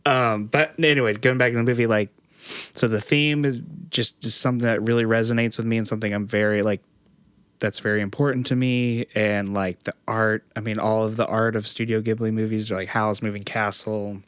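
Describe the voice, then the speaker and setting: Low-voiced rambling podcast host. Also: male voice, level tone, brisk, fairly bright tone, clear, resonant tone, no echo. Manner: rambling, many fillers and restarts. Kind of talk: casual chat.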